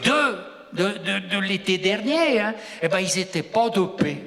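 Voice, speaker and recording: A man's voice: high voice, expressive, unhurried, crowd noise. A man with a rural French accent doing live stand-up comedy, teasing the audience with rustic banter. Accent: regional rural French. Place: live show hall. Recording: long reverb of a live hall.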